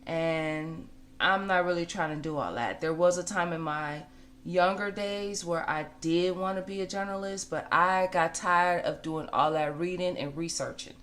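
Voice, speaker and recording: A woman's voice: fairly low pitch, normal speed, fairly bright tone. An American woman of forty giving casual gossip commentary in a blunt, conversational way, repeating points for emphasis.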